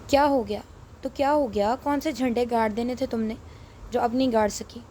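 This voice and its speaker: Woman doing a scheming aunt, sharp-tongued, high voice, flat delivery, audio story. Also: slight background noise, close to an everyday voice. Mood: taunting. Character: scheming domineering middle-aged aunt.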